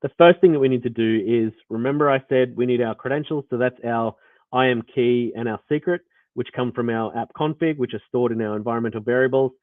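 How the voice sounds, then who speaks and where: This Australian-accented developer talks briskly in a medium-pitched voice as he explains code live, rambling and restarting with many fillers. The recording has no room sound but a tinny, phone-like quality.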